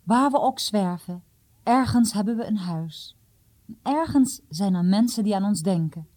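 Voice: medium pitch, expressive, unhurried, darkish tone, natural voice. A storyteller voicing an enthusiastic young man eager to set out. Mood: warm.

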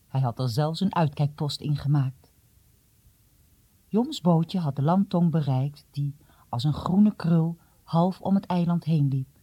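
A man reading a storybook aloud in a calm, measured storytelling manner. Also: on the high side, breathy edge, no room sound. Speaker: audiobook narrator. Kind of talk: storybook narration.

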